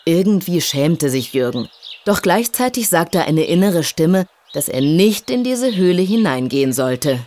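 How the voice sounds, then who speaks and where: A woman narrates a children's storybook with an expressive, measured delivery. Her voice is low but lively in its rise and fall. A faint hiss runs underneath.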